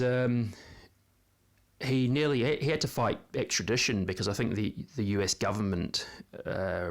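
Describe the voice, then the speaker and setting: Kiwi guy in his 40s rambling on camera, lowish voice, lots of ums. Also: vocal fry. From New Zealand. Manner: hesitant, many ums and restarts. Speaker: vlogger. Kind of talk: casual spoken monologue.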